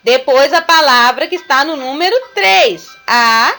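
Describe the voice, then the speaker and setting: A woman teaching a recorded class to young children, explaining slowly and patiently step by step. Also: sits high, lively intonation, pushed and bright, faint music behind. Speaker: primary school teacher. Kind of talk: recorded remote class lesson.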